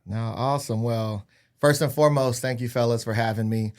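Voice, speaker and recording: Speaking a little fast in a mid-range, steady, darkish voice, this real estate agent in his thirties is a guest on a podcast. Born in Hawaii and raised in California and Arizona, he recounts his life story in casual chat, staying upbeat and making self-deprecating jokes.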